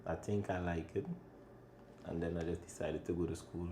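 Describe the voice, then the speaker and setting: A Trinidadian man in his thirties with a very low, deep voice talks in an easygoing way, laughing often. The room is echoey, and there is a faint hum of background noise. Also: steady tone, normal speed, dark tone. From Trinidad and Tobago. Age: 30s. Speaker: chef and restaurant owner. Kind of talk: casual interview chat.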